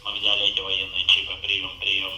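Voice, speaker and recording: Low-voiced man over a walkie-talkie. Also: completely flat delivery, a little fast, sharp tone, reverberant, faint music behind, low-quality recording. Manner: mock military radio talk. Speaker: gadget reviewer. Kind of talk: playful radio check over a walkie-talkie.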